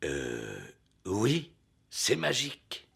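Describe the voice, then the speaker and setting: A man's voice: lowish voice, huge pitch swings, drawn-out words, gravelly, exaggerated voice. A man voicing a father pig in a French children's cartoon, explaining things patiently and a little pompously. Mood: explanatory.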